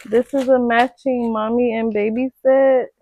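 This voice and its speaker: A young pregnant woman chatting casually as she unboxes baby gifts, gushing and excitable, with slangy exclamations. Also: on the high side, measured pace. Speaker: vlogger.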